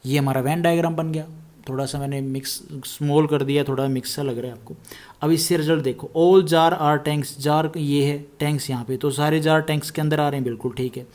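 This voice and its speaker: A man teaching an exam-prep reasoning lesson, explaining step by step and slowly repeating each statement, with terms. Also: fairly high pitch, steady tone, a little mellow.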